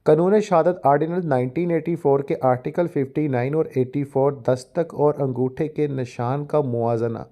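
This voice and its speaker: Mixing explanation with passages read from a judgment, a law education YouTuber speaks formal Urdu laced with frequent English legal terms, like a lecturer. His voice is a little high and mellow, with a Pakistani accent.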